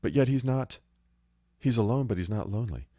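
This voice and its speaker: A man preaching an informal sermon in a blunt, emphatic way, his words swinging between loud stresses and low, quiet drops. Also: lively intonation, a little fast, no echo, clean studio sound.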